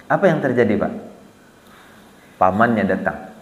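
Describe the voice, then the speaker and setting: A man's voice: fairly low pitch, normal speed, dull audio. A man with a Banjar Malay accent preaching a casual, storytelling sermon, acting out quotes and asking the listeners questions. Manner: lively, acts out quotes, asks listeners questions. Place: small prayer hall. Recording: echoey prayer hall with long reverb.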